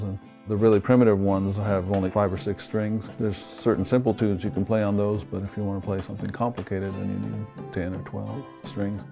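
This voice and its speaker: A man from Sweden who builds instruments, explaining his work in an interview in an unhurried way with fillers. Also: on the low side, vocal fry, mellow. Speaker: instrument maker.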